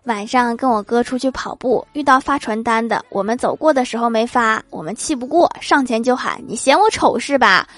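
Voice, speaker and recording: A woman hosting a comedy podcast, reading jokes aloud with lively commentary and laughing at her own punchlines. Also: on the high side, fairly quick, few pauses, no room sound.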